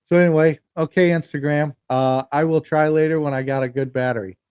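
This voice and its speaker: A man's voice: a little high, steady tone, brisk, a little mellow, smooth, no echo, highs cut off. Rambling man talking into his phone. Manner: rambling, repeats himself, restarts sentences. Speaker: podcast host. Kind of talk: casual solo livestream talk.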